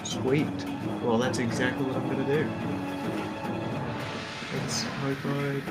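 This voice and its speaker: A man's voice: mid-range voice, level tone, slow pace, over loud music. A man playing a tabletop game, chatting casually and informally as he thinks his moves through aloud.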